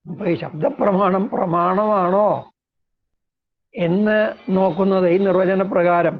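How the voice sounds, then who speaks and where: A man lecturing on philosophy in a slow, measured way, explaining terms step by step. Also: high-pitched, steady tone. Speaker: lecturer on Indian logic. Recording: dull lo-fi recording.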